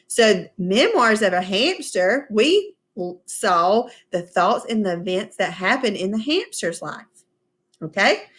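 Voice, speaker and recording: Teacher lady reading a kids book out loud, slow and expressive, stops to quiz the kids. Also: medium pitch, breathy edge. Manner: expressive, asks the children questions, slow and patient. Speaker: teacher reading aloud to children. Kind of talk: storybook read-aloud with class discussion.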